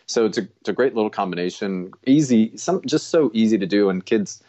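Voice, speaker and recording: A man's voice: fairly low pitch, expressive, fairly quick, mellow, dull audio. A man in his fifties, originally from Colombia, chatting casually as a podcast guest, often laughing and repeating words. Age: 50s. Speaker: guest dietitian.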